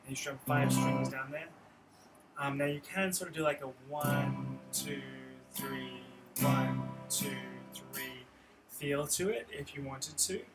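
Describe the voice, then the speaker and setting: On his live stream, a young guitar teacher takes it slowly, explaining chords in a friendly, meandering way full of restarts. His voice is mid-range, guitar plays in the background, and the recording is rough.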